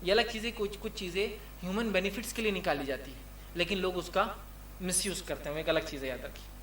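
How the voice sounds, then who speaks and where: A man's voice: high-pitched, a bit bright, roomy sound, a little hiss or hum. A man giving a sermon. He argues a point and keeps telling listeners to remember it. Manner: argumentative, repeats "remember this", acts out dialogues. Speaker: Islamic preacher.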